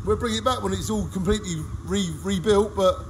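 A middle-aged vlogger films himself on a phone held at arm's length at an outdoor car wash, giving cheerful commentary to viewers like a showman. His high voice is fairly quick with fairly even intonation, over slight background noise.

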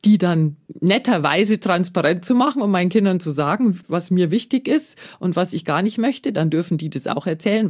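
A woman talks as an expert guest on a radio program. She explains things calmly and clearly, and now and then acts out what a parent might say. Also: on the low side.

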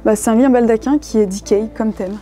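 A young woman vlogging chattily outdoors while exploring an abandoned place, often dropping to a hushed voice. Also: fairly high pitch, fast, soft background music. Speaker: urbex vlogger. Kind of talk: casual vlog narration with sponsored segment.

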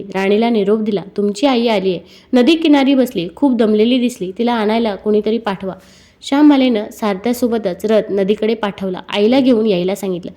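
A woman narrating a devotional folk tale in a rhythmic, measured way. Her voice sits fairly high and has a mellow, soft tone. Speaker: storyteller. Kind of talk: devotional story reading.

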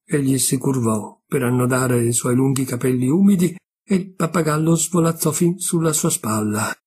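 A man reading a classic short story aloud with measured literary narration. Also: mid-range voice, a little mellow, husky. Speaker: reader. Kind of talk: scripted narration.

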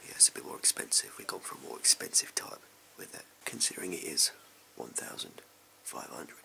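A man's voice: extremely low pitch, sing-song, brisk, gravelly, pushed and bright, full character voice. A young English man in a whispered role-play, playing a shady, amoral backstreet gun dealer with furtive, clipped, offhand sleazy salesman patter. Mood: furtive, casual. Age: young adult. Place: small indoor room at home. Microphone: close to the camera.

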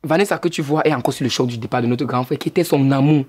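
A man's voice: medium pitch, rapid-fire, darkish tone, husky, natural voice. A man playing a self-important young man who acts as head of the family, preachy and sermonizing. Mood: lecturing. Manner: preachy, sermonizing, keeps adding "hein?". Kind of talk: web series drama acting.

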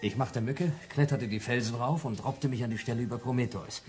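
Soft music plays behind a young adult actor in a German radio play, who speaks with a medium-pitched, natural voice of darkish tone at a fairly quick pace. Playing a cheeky student, he gleefully recounts a wild adventure to his friends, laughing and imitating voices as he tells it with amusement.

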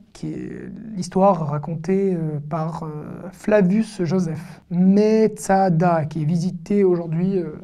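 A woman's voice: mid-range voice, dark tone. A woman giving an online language lesson as a teacher, patiently sounding out each word syllable by syllable and repeating it. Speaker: Hebrew teacher.

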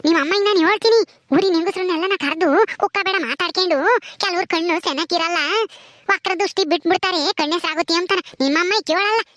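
A woman's voice: extremely high pitch, fairly bright tone, dry recording, studio quality. Woman playing a bossy village grandmother. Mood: boastful. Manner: scolding, lecturing, drawn-out. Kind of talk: village comedy skit.

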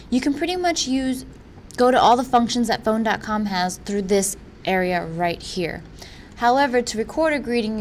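A woman presenting a software tutorial in an informal, instructional way. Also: a little high, a little hiss or hum. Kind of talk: software walkthrough narration.

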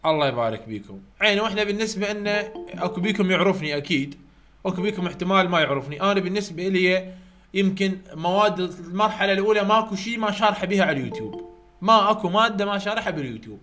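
A man's voice: sits high, lively intonation, rapid-fire, a bit bright, faint music behind. A man with an Iraqi Arabic accent giving a chatty live online lecture, repeating key points and speaking straight to his students. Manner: repetitive, chatty teaching, addresses students directly. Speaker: English phonetics tutor.

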